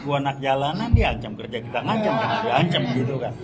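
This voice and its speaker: An older man giving an impassioned political speech, emphatic and blunt, swinging between loud outbursts and hushed asides. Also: medium pitch, very animated, fast talker, a loud crowd. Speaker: political speaker.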